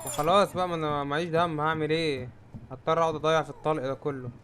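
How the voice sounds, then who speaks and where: Jumpy, fast-talking Egyptian gamer man. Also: on the high side, steady tone, heavy background noise. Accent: Egyptian Arabic. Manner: jumpy, yelps and shouts when startled. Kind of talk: let's-play commentary.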